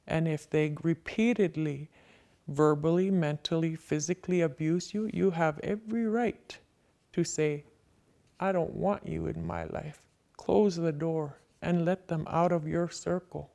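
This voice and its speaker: An older woman speaks through a voice disguise that drops her into a deep, man-like register. The processing leaves her sound dark and gravelly, with a rough fry running under her words. She talks very slowly and deliberately, in a reflective way. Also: fairly even intonation. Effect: voice disguised, pitched down to sound like a man. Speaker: interviewee. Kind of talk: reflective personal testimony.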